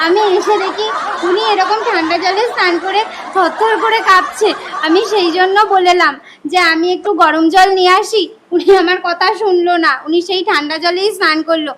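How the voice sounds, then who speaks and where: A woman's voice: sits high, normal speed, crowd noise, noisy background, close to an everyday voice. An actress playing a doting, dramatic middle-aged mother-in-law who gushes and talks of herself by name. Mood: tearful. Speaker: mother-in-law visiting her daughter.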